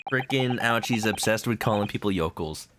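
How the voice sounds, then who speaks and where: A man's voice: fairly low pitch, moderate pace. A man streaming a video game with casual, joking commentary, playful in manner, with game music behind. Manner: playful, animated.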